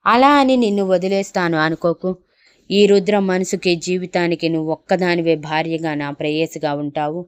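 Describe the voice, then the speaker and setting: Woman narrator doing a young man in love, pleading, soft, lowish voice, smooth and clear. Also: moderate pace, natural voice.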